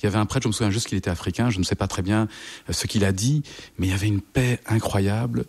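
A middle-aged man from France, a psychologist guest, recounting his life slowly and reflectively while searching for his words. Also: on the low side, fairly even intonation, a little mellow, husky. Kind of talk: personal interview testimony.

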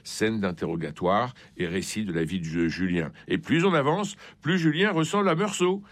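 Male radio book critic, lowish voice, dry close studio sound, rhetorical and emphatic delivery. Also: animated, moderate pace, dry recording. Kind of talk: scripted book review, with quoted passages read aloud.

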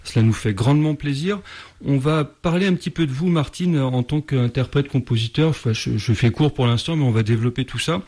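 A man's voice: mid-range voice, fairly quick, darkish tone. A man hosting a radio interview, speaking politely and formally, with a few hesitant restarts. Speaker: radio host.

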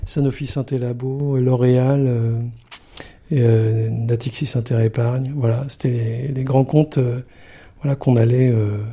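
A middle-aged man from the Paris region, speaking as a guest in a radio interview and pausing often with fillers. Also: medium pitch, little pitch movement, warm tone, husky. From Paris region, France. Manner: halting, many filler pauses. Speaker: sanctuary communications manager, guest.

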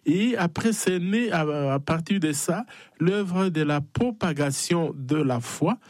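Recorded with studio quality and no echo, this man's voice sits a little high, with lively intonation, a slow pace and a slightly mellow tone. He's from the Democratic Republic of the Congo and carries a Congolese French accent. Hesitant and prone to little affirming tags, he gives personal testimony as a missionary priest in a conversational interview.

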